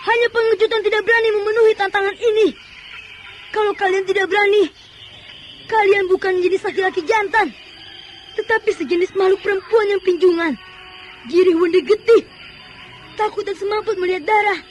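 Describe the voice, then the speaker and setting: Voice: extremely high pitch, steady tone, fairly quick, long pauses, a little hiss or hum. A performer playing a bold, taunting young fighter in an old radio drama, with theatrical delivery. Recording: music under radio drama.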